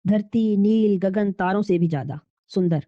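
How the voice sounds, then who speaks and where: A woman's voice: mid-range voice, no room sound, natural voice. A woman voicing a longing, lovesick spirit woman. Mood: tender. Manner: tender, longing, speaks with Sanskrit-flavoured words. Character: lovesick invisible female spirit, tender and jealous. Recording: dull, dry lo-fi recording.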